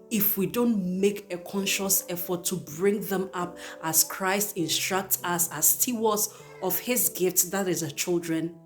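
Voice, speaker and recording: A woman's voice: mid-range voice, darkish tone. Woman host, earnest pleading exhortation, faint music underneath. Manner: earnest, pleading, emphatic repetition. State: emotional. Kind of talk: spoken exhortation to parents.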